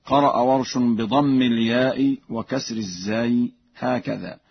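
Slow husky man on muffled radio. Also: medium pitch, no room sound. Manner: slow, measured explanation with drawn-out chanted verses. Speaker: Quran recitation teacher on radio. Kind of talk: radio lesson with chanted examples.

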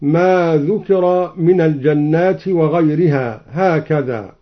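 A man teaching Quranic reading variants, explaining each in measured speech and then chanting the verse melodically. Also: fairly high pitch, lo-fi sound.

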